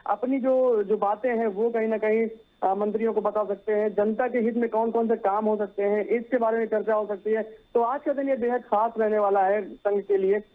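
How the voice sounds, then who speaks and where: A man's voice: sits high, steady tone, moderate pace. A male news correspondent reporting live, talking in long sentences with frequent fillers and restarts. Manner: repeats "सीधे तौर पर" and "आप समझिए", many fillers and restarts. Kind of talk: live news report over a phone line. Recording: tinny phone line.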